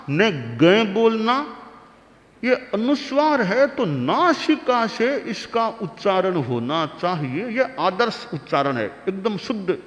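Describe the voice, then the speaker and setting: Man preaching real slow, high voice, long hall echo. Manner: slow, teaching, chants mantras softly. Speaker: Jain monk preacher. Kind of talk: religious discourse.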